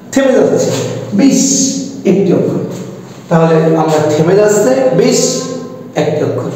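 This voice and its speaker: A man's voice: sits high, mellow. A man teaching an exam-prep grammar lesson. He asks his own questions, answers them himself, and sounds out words one syllable at a time. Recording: echoey room, distant from the mic, faint noise.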